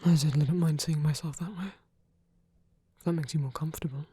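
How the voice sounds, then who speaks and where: For an intimate ASMR roleplay, a performer voices a gentle, protective vampire priest in a soft, husky whisper, tender and hesitant. The mid-range voice stays steady yet quick, with no room sound, and the mood is devoted and soft.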